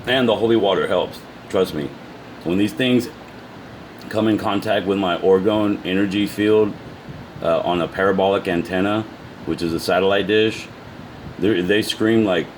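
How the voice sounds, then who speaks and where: A man giving a casual, unscripted explanation to viewers, halting as he goes, often repeating words and trailing off. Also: low voice, slight background noise, poor audio. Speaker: amateur video presenter.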